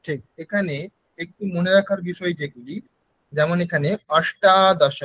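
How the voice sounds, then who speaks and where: A Bengali-accented man teaches online, slowly repeating words so his students can copy them. His voice sits a little high. The call audio is dry and close, with no room sound. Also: a bit bright, dry recording, low-quality recording. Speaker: Sanskrit teacher. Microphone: video call.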